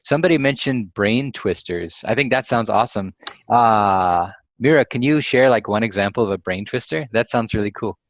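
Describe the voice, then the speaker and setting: A man's voice: fairly low pitch, expressive, normal speed, no room sound. A man moderating a casual online discussion, upbeat and encouraging, asking follow-up questions. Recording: dull, dry, lo-fi call audio.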